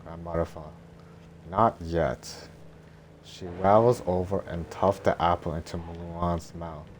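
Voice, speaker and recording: A man reading a script aloud in a boring, droning, deadpan monotone, with faint noise behind him. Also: sits low, moderate pace. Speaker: reader of screenplay.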